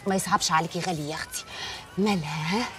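An actress with an Egyptian accent playing a flattering young neighbour woman who sweet-talks an older lady. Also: lowish voice, fast talker, background noise, lightly acted. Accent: Egyptian Arabic. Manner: sweet-talking, ingratiating.

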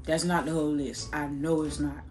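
A woman's voice: low voice, level tone, a little fast, a little mellow, soft background music. A young adult woman talking casually and slangily to viewers with food in her mouth, chewing while she talks. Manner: slangy, informal, addresses viewers as bro and y'all. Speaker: mukbang vlogger. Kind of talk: casual chat while eating. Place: small room at home, indoors.

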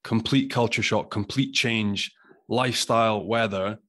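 A man's voice: on the low side, fairly even intonation, unhurried, fairly bright tone. A man from Scotland hosting a podcast, asking questions with blunt, jokey banter over a video call. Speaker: podcast host. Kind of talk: casual podcast chat.

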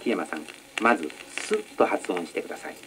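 A man teaching announcing technique in a measured, polite lecture style, on an old educational record. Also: deep voice, a bit bright, low-quality recording. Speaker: announcing instructor. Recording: old record with faint noise.

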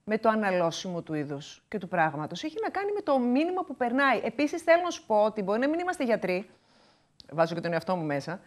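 A woman's voice: mid-range voice, big pitch swings. A woman hosting a local TV interview, chatty and teasing with her guest. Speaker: TV show host. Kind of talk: TV interview chat.

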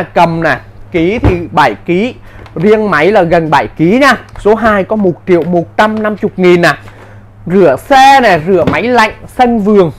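A man giving an insistent hard-sell live sales pitch as a seller, in short, repetitive bursts. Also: a little hiss or hum. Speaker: live-sale seller of power tools.

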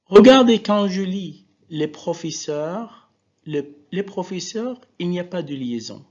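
A man's voice: high voice, lively intonation, slow, a little mellow. A man teaching a French lesson and switching into Arabic to explain, patiently repeating and drawing out example words for his students. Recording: dull lo-fi recording.

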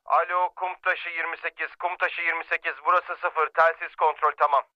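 An actor playing a steady male army radio operator, speaking over a two-way radio in clipped call procedure. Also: on the high side, moderate pace, dry recording. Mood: businesslike. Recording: dull lo-fi radio sound, dry.

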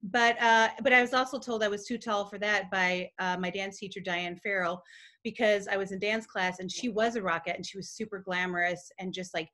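Bright, lively woman guest telling stories from home, doing little voices for people. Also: medium pitch, fairly quick. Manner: lively storyteller who acts out quoted people. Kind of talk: casual chat.

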